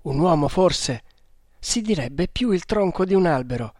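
A man's voice: a little high, expressive, a little slow, a little mellow, no room sound, studio quality, pitched above the performer's own voice. Male reader doing a storybook guard, alert and tense, slightly raised voice. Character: Agur, watchful Indian man on guard. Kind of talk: storybook read-aloud.

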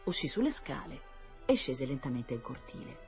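Storybook narrator: woman, low and husky, animated. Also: normal speed, soft background music. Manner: expressive, lively storytelling. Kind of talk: read-aloud children's story.

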